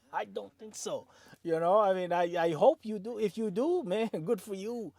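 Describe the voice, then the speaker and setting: A man who drives his own truck, talking casually and excitably through auction prices, often saying "man" and chuckling. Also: high voice, a little slow, gravelly, no echo. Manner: animated, excitable, peppers talk with "man" and chuckles. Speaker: owner-operator truck driver.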